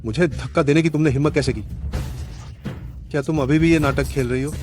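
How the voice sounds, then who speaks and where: A man's voice: fairly high pitch, brisk, a little mellow, soft background music, lightly acted. A man voicing a sleazy, leering creep. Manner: leering, oily.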